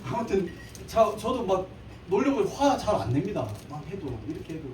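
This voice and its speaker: Male preacher, thirties, high mellow voice, joking live sermon, distant echoey church mic, faint hum. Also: very animated, normal speed. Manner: playful, acts out little scenes and jokes. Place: church sanctuary.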